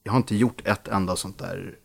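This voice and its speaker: A man, a comedian, telling stories in a casual podcast chat, animated and full of restarts. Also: low voice, creaky, husky. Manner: animated storytelling with frequent restarts. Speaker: comedian guest.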